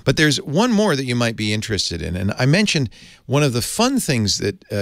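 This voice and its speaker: A man's voice: mid-range voice, fairly bright tone, no echo, studio quality. A man hosting a casual tech tutorial, chatty and easygoing, chuckling as he explains. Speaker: host.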